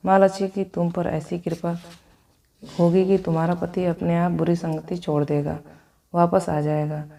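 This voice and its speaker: A woman voicing a kindly, wise old mother figure in a devotional storybook tale, who gives gentle advice. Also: lowish voice, level tone, moderate pace, gravelly. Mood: gentle, consoling. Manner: soothing, consoling advice.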